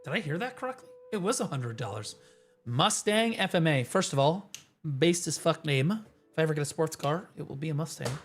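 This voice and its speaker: A man's voice: fairly high pitch, lively intonation, brisk. A man on a livestream headset mic, ranting sarcastically and swearing through casual game commentary. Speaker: livestream gamer.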